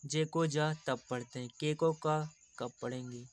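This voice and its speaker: Male tutor, slow, patient, crisp dry close voice. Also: medium pitch, steady tone. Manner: slow, explains patiently, repeats examples. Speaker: teacher. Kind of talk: teaching English pronunciation in Hindi.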